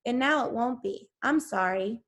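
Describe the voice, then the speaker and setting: A teacher reading aloud and voicing an earnest, worried schoolboy who talks breathlessly and low. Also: female voice, normal speed, fairly bright tone, lightly acted. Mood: troubled. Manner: breathless, murmuring.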